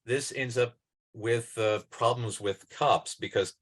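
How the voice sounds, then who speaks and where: A man of average pitch lecturing to fellow clinicians on a video call. His delivery is informal and tangential, with many "uh" fillers and sudden emphatic lifts when a point excites him. He sounds like a presenter following his thoughts rather than a script. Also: slow. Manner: tangential and digressive, with frequent "uh" fillers. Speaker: clinician presenting to mental health providers.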